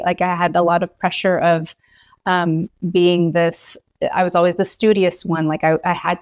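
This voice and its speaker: A woman from Los Angeles in her thirties, a physician guest talking in a casual, hesitant way full of ums, likes and you knows. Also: fairly low pitch. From Los Angeles, California. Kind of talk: casual podcast conversation.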